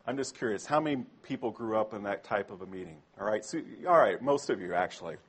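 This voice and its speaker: A man's voice: on the low side, animated, quick pace, husky. A man preaching a sermon to a congregation in a conversational way, often asking them questions.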